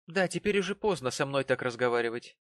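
A man's voice: lively intonation, fairly quick, no echo, close to an everyday voice. A man reading the part of a spiteful young daughter who shrieks and scorns her father in a storybook reading. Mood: sulky scorn. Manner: shrill, shouting, scornful.

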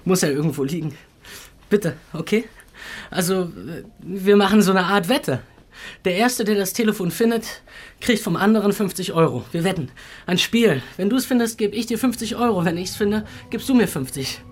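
An actor playing a shaken young man who speaks haltingly and quietly in a radio play. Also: sits high, animated, breathy edge. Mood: coaxing.

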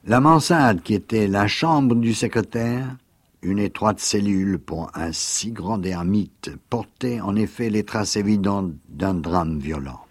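A man narrating a classic detective story in a measured storytelling manner, dropping to a hush at times. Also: fairly low pitch, no room sound. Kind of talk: literary reading.

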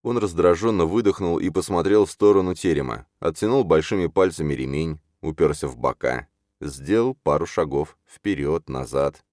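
Low-voiced male audiobook narrator. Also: moderate pace, darkish tone, no room sound, studio quality. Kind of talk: scripted narration.

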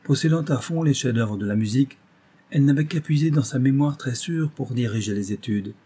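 A man reading a story aloud in measured scripted narration. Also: medium pitch, dark tone, breathy edge.

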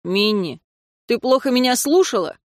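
A woman's voice: on the high side, animated, moderate pace, dry recording, studio quality, voice pushed up, lightly acted. A woman voicing a stern young healer who scolds her sister in firm tones.

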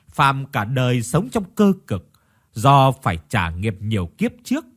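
A man voicing a kindly older Buddhist master who preaches gently and calmly. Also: medium pitch, slightly rough, exaggerated voice.

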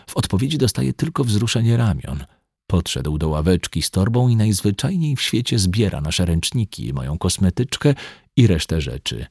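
A man reading an audiobook story aloud in an expressive, dramatic way. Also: sits low, slightly rough, no echo, studio quality. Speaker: narrator.

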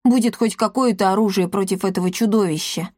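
A woman's voice: mid-range voice, fairly quick, darkish tone, dry recording, studio quality, lightly acted. Earnest young boy, read by a woman. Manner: earnest, stern. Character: determined young boy, serious. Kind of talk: audiobook character voice.

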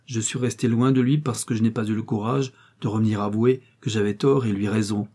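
A proud middle-aged gentleman who turns earnest and self-reproaching, as a man reads him. His voice is mellow and husky. He is a figure from a classic storybook. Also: fairly low pitch, fairly even intonation, brisk. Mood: remorseful.

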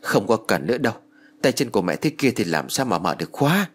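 A man voicing a calm, matter-of-fact middle-aged uncle in a spoken ghost story. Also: lowish voice, quick pace. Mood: resigned. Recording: music bed under voice.

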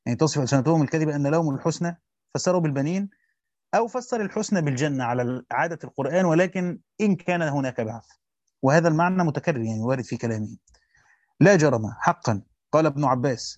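A man with an Egyptian accent reads a Quran commentary aloud quickly as a teacher. He stops to explain grammar and quizzes his students. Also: on the high side, dry recording. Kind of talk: fast classical Arabic reading with colloquial explanations. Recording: dull lo-fi dry recording.

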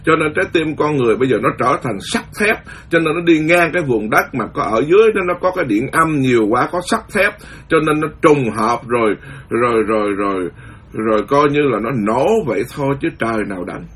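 A Buddhist monk giving a lively storytelling sermon, acting out the voices of the people in his story. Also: medium pitch, a little fast, husky. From Vietnam. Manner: animated, acts out quoted voices, laughs at his own story. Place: lives in the US, speaking to followers.

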